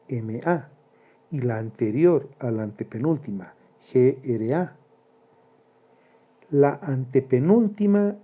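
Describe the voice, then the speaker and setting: A man teaching a grammar lesson, slow and deliberate, spelling out syllables one by one. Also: mid-range voice, dark tone.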